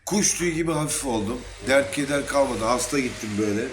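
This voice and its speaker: A man's voice: mid-range voice, quick pace, noisy background. Earnest Turkish man telling his story. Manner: earnest, emotional storytelling with quoted dialogue. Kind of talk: casual spoken testimony. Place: Sufi lodge gathering.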